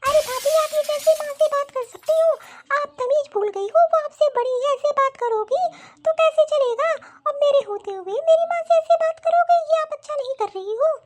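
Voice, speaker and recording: A woman's voice: extremely high pitch, normal speed, hardly any pauses. A woman voicing a spoiled young married daughter in a cartoon, whiny and demanding. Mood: indignant. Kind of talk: cartoon voice acting.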